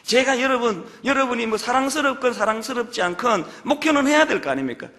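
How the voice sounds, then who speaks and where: A middle-aged male pastor from the Gyeongsang region, preaching an earnest, expressive sermon in a large church. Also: very high voice, quick pace. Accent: Gyeongsang Korean. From Gyeongsang region, South Korea. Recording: long church hall reverb.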